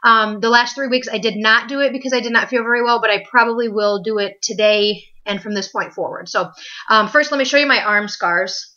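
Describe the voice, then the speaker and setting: A woman's voice: a little high, brisk, sharp tone, muffled recording. A pregnant young woman chatting to camera in a casual home vlog, upbeat, with plenty of fillers. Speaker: vlogger.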